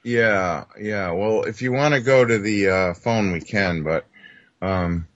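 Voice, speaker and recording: A man calling in as a guest over a bad connection that breaks up, talking haltingly and checking whether he can be heard. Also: fairly low pitch, a bit bright, no echo. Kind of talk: call-in talk. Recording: dull lo-fi remote line.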